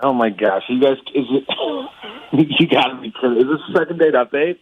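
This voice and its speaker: An excitable, chatty man heard over a phone speaker on a radio show. His voice sits at an ordinary middle pitch and comes through a muffled, narrowed line, laughing as he talks. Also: a little fast, slight background noise. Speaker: radio call-in guest. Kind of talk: casual chat.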